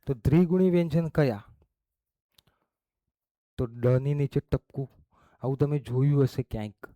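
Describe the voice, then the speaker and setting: Male teacher, unhurried patient lesson delivery, mellow tone, close dry mic. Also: medium pitch, no echo. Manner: slow, explains step by step with frequent "okay?" and "barabar?". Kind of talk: classroom lesson.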